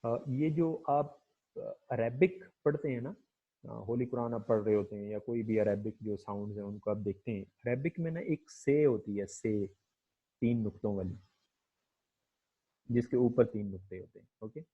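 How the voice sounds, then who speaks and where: Husky man lecturing, muffled recording. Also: lowish voice. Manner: hesitant, fills with "okay", slowly demonstrates sounds. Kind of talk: phonetics lecture.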